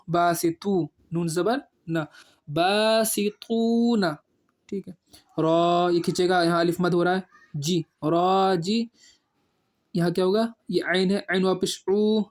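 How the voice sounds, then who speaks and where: A man with a Pakistani Urdu accent teaching Quran reading, drawing out syllables slowly, then explaining quickly. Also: high voice. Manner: patient drill, slow drawn-out syllables, quick explanations. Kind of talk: spelling out and blending syllables for learners.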